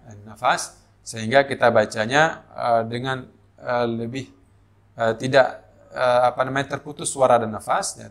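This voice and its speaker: Indonesian male Quran teacher, unhurried explainer who breaks into slow chanted examples. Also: mid-range voice. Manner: explains slowly with many fillers, then chants drawn-out recitation examples. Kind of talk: tajwid lesson with demonstrations.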